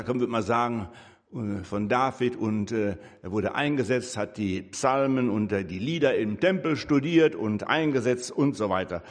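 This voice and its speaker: An older man giving a conversational sermon as a lay preacher, breaking into rising, emphatic bursts. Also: medium pitch. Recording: echoey hall.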